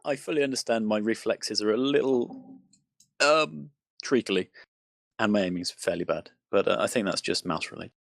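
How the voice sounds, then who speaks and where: A man from the UK hosting a casual podcast chat, relaxed and self-deprecating. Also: fairly low pitch, normal speed, creaky, no echo. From United Kingdom. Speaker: podcast host.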